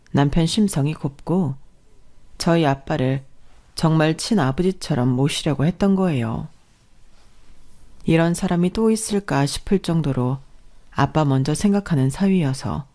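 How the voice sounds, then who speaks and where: A woman reading a first-person story aloud in an even, confiding tone. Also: low-pitched.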